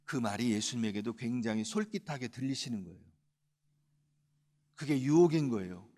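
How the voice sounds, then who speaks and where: A male pastor preaching a sermon emphatically, swinging between loud and quiet. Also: medium pitch, expressive, moderate pace, long reverb tail.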